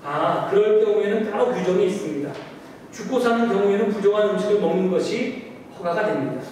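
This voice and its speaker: A pious but sly merchant with plain, deadpan answers, as a pastor acts him out. The man's voice sits fairly high and carries a long hall reverb. It sounds distant from the mic. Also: brisk, a little hiss or hum, close to an everyday voice. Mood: polite.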